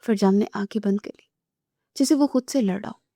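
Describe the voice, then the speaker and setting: Soft-voiced woman reading a romance novel. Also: medium pitch, gravelly, no echo, clean studio sound. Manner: soft, emotive, slipping into whisper. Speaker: novel narrator. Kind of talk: scripted narration of a romance novel.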